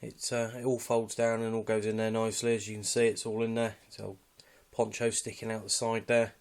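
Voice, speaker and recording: A hobbyist with a British accent runs through his kit informally and without a script, speaking a little fast. His lowish voice is darkish, clear and resonant, with little pitch movement, and his manner is understated, matter-of-fact and slightly hesitant.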